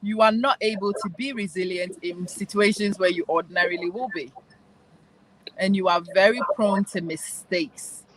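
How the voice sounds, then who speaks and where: A woman's voice: medium pitch, normal speed, slight background noise, poor audio. A woman hosting a casual group book discussion, thinking aloud in a reflective, self-deprecating way. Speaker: book club host.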